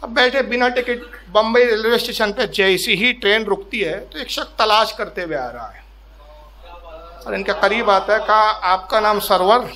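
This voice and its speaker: A male religious orator with an unusually high, bright and forceful voice. He tells a devotional story to a gathering, and his narration shifts easily into long, chanted lines of poetry. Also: a little hiss or hum. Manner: animated storyteller, breaks into drawn-out poetic recitation. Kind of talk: Urdu storytelling sermon with recited verse. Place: public gathering at a house venue.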